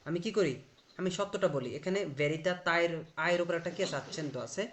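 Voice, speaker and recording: A man's voice: fairly high pitch, moderate pace, fairly bright tone. A man teaching a live online language class, explaining patiently, drilling pronunciation and quizzing his student.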